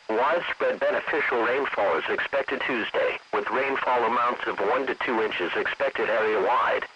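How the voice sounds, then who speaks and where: Over a muffled, noisy weather radio broadcast, a male forecast announcer with a synthetic-sounding voice reads a scripted bulletin. His mid-range voice is pushed and bright, and his phrasing is stilted and even.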